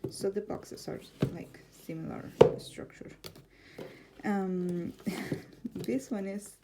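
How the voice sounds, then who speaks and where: In an Argentine Spanish accent, a tarot vlogger from Argentina casually discusses her tarot decks and laughs a lot. Her voice is medium-pitched and slow. Heavy background noise fills the home room, where a neighbor's car sounds outside.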